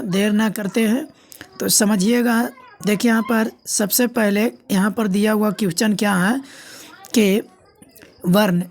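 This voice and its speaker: A woman teacher giving an exam-prep grammar lesson, asking herself questions, answering them, repeating key points and checking in with students often. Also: medium pitch.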